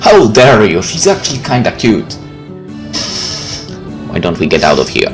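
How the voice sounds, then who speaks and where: With faint game music behind him, a male gaming video host reads story narration and drops casual, wry remarks. His voice is fairly low, its pitch swooping wildly, and he speaks at a normal speed.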